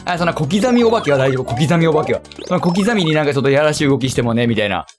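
A young man from Kyushu commentating a video game he is playing, talking to himself, muttering, and yelping in excitement. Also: on the high side, racing, music in the background. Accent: Kyushu Japanese. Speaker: game streamer. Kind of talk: let's play commentary.

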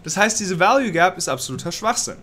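Sitting high and sounding pushed, bright and animated, this young man's voice moves at a quick pace. He's a political commentator with a cold, ranting and swearing in a small room as he reads a law text aloud, comments on it and mixes in English words.

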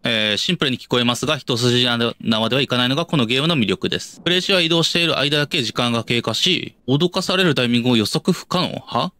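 A man's voice: medium pitch, expressive, fast, few pauses, pushed and bright. A young man with a Kansai accent, commenting on a horror game as a streamer, muttering to himself and yelping when startled. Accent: Kansai Japanese. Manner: jumpy, yelps and mutters to himself, talks himself down.

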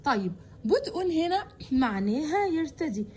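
Egyptian woman teacher, high and animated voice that swings widely, drills each word slowly and repeats it, faint hum behind her. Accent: Egyptian Arabic. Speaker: English teacher. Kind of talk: vocabulary lesson.

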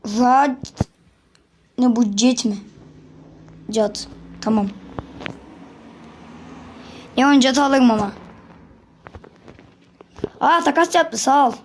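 A woman giving casual gameplay commentary for her channel, excitable and chatty, often repeating words as she talks to other players. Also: high voice, slow pace, pauses often, slight background noise. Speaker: gaming channel host.

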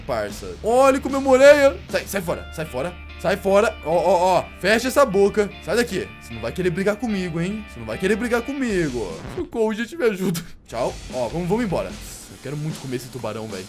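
A young man with a Brazilian Portuguese accent talks quickly over his gameplay, his voice riding high and leaping about as he jokes and taunts the fish he is chasing. It is a casual, slangy commentary delivered straight into a desk mic. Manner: excitable, jokey, slangy, talks to the game fish. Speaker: gaming YouTuber.

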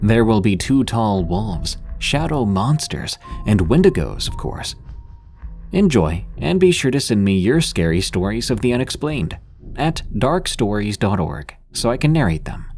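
A lowish, somewhat mellow male voice delivers scripted horror stories in a dramatic storyteller's manner. He is the host and narrator of a horror podcast.

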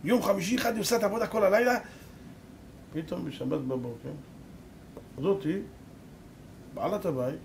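A rabbi giving a sermon, telling a story dramatically and swinging between loud and hushed. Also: male voice, high voice, creaky, pauses often, slight background noise. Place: live lecture event.

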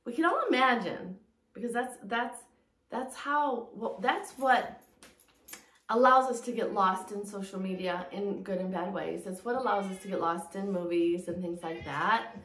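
A woman's voice: medium pitch, a little slow, fairly bright tone. Reflective woman coach in an echoey room. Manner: reflective, repeats phrases for emphasis. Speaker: fitness and mindset coach. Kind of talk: motivational talk.

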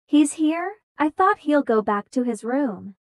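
Woman acting flustered romance-comic heroine, young, high-pitched, measured pace, close dry sound. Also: animated, dry recording. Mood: musing. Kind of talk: dubbed comic dialogue.

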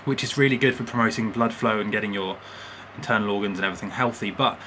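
A man's voice: fairly low pitch, fast, pushed and bright, a little hiss or hum. A man in his twenties giving casual, explanatory health advice straight to camera in a bedroom, informally checking in with the listener as he goes. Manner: informal, explanatory, frequently checks in with "right?" and "okay?". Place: small bedroom, indoors. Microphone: camera at arm's length on a desk.

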